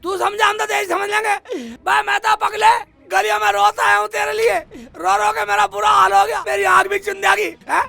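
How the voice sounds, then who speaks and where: An actor playing a bumbling, foolish man who wails, blubbers and shouts theatrically in a comedy film, with music underneath. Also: extremely high pitch, flat delivery, fairly quick, vocal fry, full character voice. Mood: blustering. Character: bumbling foolish man Sheikh Chilli, loud and weepy. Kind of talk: low-budget comedy film acting. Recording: background music under dialogue.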